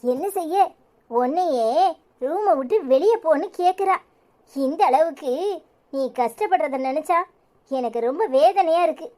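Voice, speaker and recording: A woman's voice: sits high, lively intonation, unhurried, long pauses, dark tone. A woman voicing a weary, sympathetic village mother in a cartoon, lamenting in a Tirunelveli Tamil accent. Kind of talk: cartoon voice acting.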